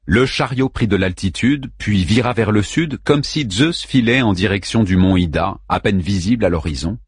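A man narrating an audiobook in a steady, measured way. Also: on the low side, husky, dry recording, studio quality. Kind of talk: scripted narration.

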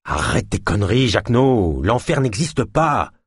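A man's voice: fairly low pitch, very animated, unhurried, breathy edge, no room sound, clean studio sound, full character voice. A man voicing a stubborn young woman who growls her lines curtly in an audiobook. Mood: gruff. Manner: growling, curt. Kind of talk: audiobook character voice.

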